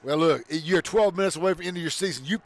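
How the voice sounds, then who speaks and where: A man calling high school football play-by-play, shouting on big plays. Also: quick pace, slight background noise. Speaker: play-by-play announcer.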